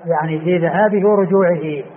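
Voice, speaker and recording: A man giving a classical Arabic lesson on hadith, explaining in an unhurried way, repeating phrases and using many fillers. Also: on the high side. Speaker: hadith teacher. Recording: tinny phone-like lo-fi recording with faint hiss.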